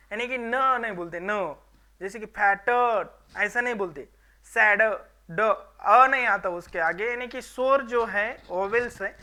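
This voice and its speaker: A man teaching an English grammar lesson to students, explaining each rule step by step and checking with quick rhetorical questions. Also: sits high, sharp tone. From Maharashtra, India.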